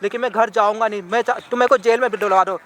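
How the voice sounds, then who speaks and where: A man's voice: high-pitched, steady tone, quick pace, fairly bright tone. A man playing a downtrodden husband who pleads and pushes back against his wife, in a staged street skit. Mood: defiant. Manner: pleading, defiant.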